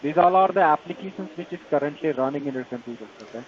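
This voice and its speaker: A man with an Indian accent giving a tech support pitch in a call-center manner, halting and repetitive in non-native phrasing. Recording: dull lo-fi phone call, busy chatter behind.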